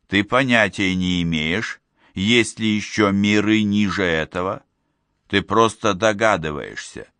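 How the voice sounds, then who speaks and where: A man reading the part of a wary, skeptical young woman in an audiobook, voicing her sharp, doubting questions. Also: sits low, dry recording, studio quality.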